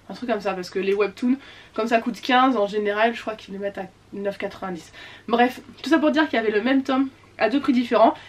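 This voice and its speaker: A woman chatting casually about her latest book purchases, with many fillers and self-corrections. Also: fairly high pitch. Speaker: book vlogger. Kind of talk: casual book haul chat.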